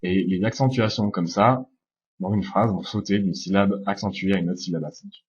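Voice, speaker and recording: Low husky-voiced man teaching pronunciation. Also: highs cut off. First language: French. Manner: explains calmly, demonstrates English sounds slowly, frequent "euh" fillers. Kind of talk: slide-based lesson narration.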